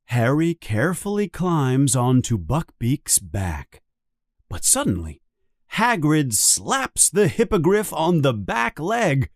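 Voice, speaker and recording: A man narrating a simple storybook for learners in a very slow, expressive reading. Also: a little high, dry recording.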